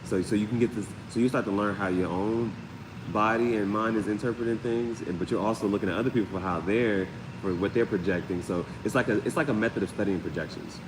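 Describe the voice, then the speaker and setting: This fast-talking man, his voice on the lowish side, runs a casual live tarot reading as host, improvising as he goes. He keeps repeating phrases and sprinkling in slang and sound words, while the room adds long reverb and steady, clear background noise.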